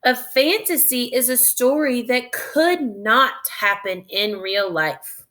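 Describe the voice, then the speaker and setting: Reading a children's story to young listeners, a woman takes on a teacher's role, thinking aloud and guiding them in a deliberate, instructive way. Her pitch is a little high.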